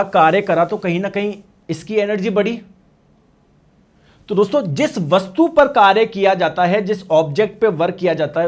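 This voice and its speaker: A male science teacher with a hoarse, high-pitched, slightly mellow voice lectures an online exam-prep class. He treats the students as friends, poses questions and answers them himself, and gives every term in both Hindi and English.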